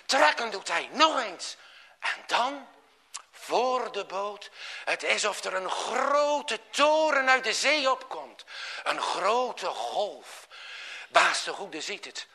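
Expressive, high-voiced male storyteller. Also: slow. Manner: dramatic, expressive reading. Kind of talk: storytelling narration.

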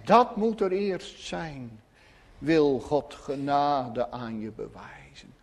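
A man's voice: a little high, takes it slowly, a little mellow. A man voicing a sly, scheming devil who tempts and mocks churchgoers. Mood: mocking. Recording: long church reverb.

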